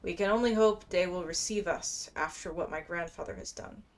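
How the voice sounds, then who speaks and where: A woman with a fairly low voice gives easygoing gameplay commentary as a streamer, keeping a moderate pace. She wonders aloud and reads portions of quest text, and faint background noise mixes with the game's ambience.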